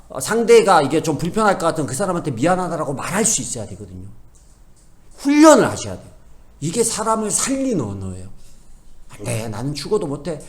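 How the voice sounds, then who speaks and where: Man, middle-aged pastor, sermon, very lively pitch swings, loud emphasis and soft asides, acts out family talk. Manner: acts out everyday family dialogue in quoted voices.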